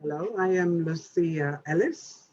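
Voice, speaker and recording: A woman's voice: low-pitched, a little slow, darkish tone, dull audio. A woman from Belize introducing herself as a panelist on a virtual panel. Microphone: video call.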